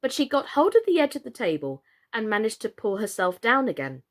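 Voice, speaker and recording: Female storyteller, high voice with big swings in pitch, expressive narration for children. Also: fairly quick. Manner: theatrical, expressive. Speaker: storyteller, actress.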